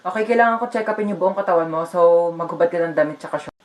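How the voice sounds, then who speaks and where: A woman's voice: lowish voice, fast talker. A woman performing comedy skits, switching playfully between several everyday characters. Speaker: comedy sketch creator.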